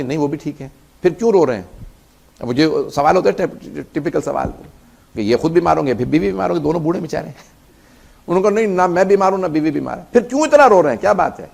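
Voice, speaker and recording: High, gravelly-voiced male preacher. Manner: storytelling with acted dialogue, rising to emphatic peaks. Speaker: Islamic preacher. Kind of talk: sermon storytelling.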